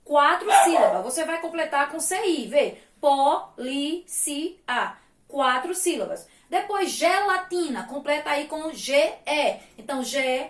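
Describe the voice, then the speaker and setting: High-voiced teacher, patient sing-song. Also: female voice, sing-song, normal speed, few pauses, reverberant. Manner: patient, sing-song, drawing out words syllable by syllable with diminutives. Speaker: primary school teacher. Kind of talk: recorded remote class for young children.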